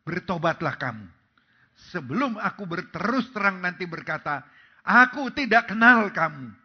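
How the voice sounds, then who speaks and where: A man's voice: a little high, lively intonation, moderate pace, creaky, breathy edge, highs cut off, full character voice. A man preaching, voicing a stern male God who rejects the wicked in solemn, commanding declarations.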